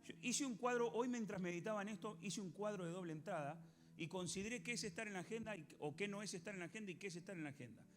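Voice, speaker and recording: A man with an Argentine accent preaching a sermon as a pastor, animated, questioning the congregation and acting out biblical voices. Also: sits high, quick pace. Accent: Argentine Spanish.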